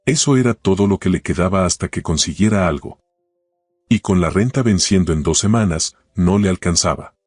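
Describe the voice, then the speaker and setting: A man narrating a scripted drama story in a steady, measured way. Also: low-pitched, breathy edge, no echo, clean studio sound, faint music behind.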